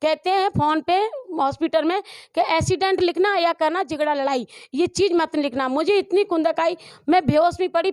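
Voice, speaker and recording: A woman's voice: high voice, no echo, studio quality. A middle-aged woman, mother of an abused daughter, giving a rambling, emotional account to a reporter, often restarting her sentences. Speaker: mother of a dowry abuse victim. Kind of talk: street interview testimony.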